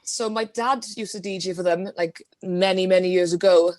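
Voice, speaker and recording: Her fairly low voice moves at a moderate pace with fairly even intonation as she swaps anecdotes, a young Valleys woman in her twenties appearing as a guest DJ on a video call. She's in a small room at home, and the audio is dry.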